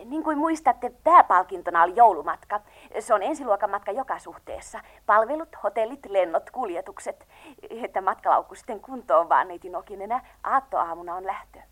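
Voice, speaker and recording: A woman's voice: medium pitch, animated, natural voice. A woman playing a courteous newspaper reporter. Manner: courteous, businesslike. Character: polite formal female newspaper reporter.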